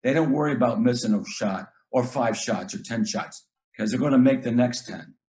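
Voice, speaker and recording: Middle-aged man, basketball coach, casual talk, earnest, mid-pitched voice, restarts phrases. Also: moderate pace, darkish tone. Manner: earnest, repeats words, acts out talks with players. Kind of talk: casual podcast chat.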